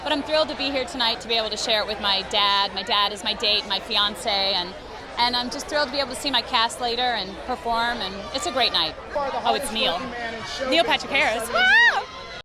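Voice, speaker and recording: A woman gushing excitedly in a red carpet interview. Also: on the high side, fairly quick. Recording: busy red carpet crowd noise.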